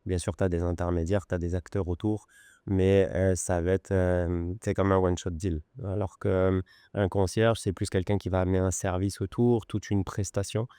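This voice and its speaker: A French man in his forties with a Lyon accent speaks as a podcast guest, pausing often as he tells his story. His voice is deep, dark and mellow. It is clear and smooth, recorded close and dry in a studio. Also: flat delivery, dry recording. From France. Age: 40s. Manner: unhurried, hesitant storytelling. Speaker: podcast guest, luxury goods broker. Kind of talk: conversational interview.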